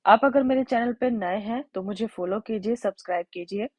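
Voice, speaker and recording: A woman teacher explaining a grammar lesson, spelling out examples slowly and repeating them. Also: medium pitch, a little mellow, dry recording. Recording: dull lo-fi sound.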